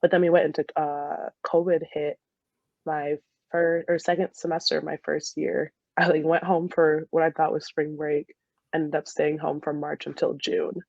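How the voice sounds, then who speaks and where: Vocal fry colors this woman's low, slightly mellow voice as she speaks flatly at a moderate pace. She's an American in her twenties, a dental student and soccer player, casually telling stories as a podcast guest, giggling and saying "like" often. Dull audio, no echo.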